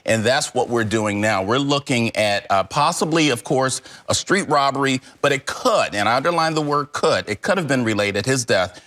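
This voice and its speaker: A middle-aged man, a former homicide detective, answering questions in a live TV news interview in a measured, emphatic way, stressing key words. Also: medium pitch, animated, fairly bright tone.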